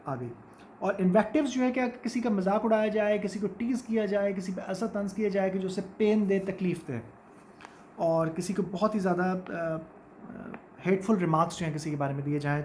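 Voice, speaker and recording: A woman's voice: lowish voice, a little mellow, slight background noise. Woman teacher lecturing on a text. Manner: mixes Urdu-Hindi explanation with slow English reading. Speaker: literature teacher.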